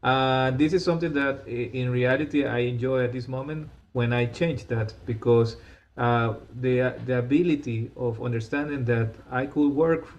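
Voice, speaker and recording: A man hosting a podcast interview from his home, speaking haltingly with many restarts, over a remote call. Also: medium pitch, dull audio. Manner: halting, restarts often, warm praise. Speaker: podcast host. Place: home with family nearby. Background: faint household sounds.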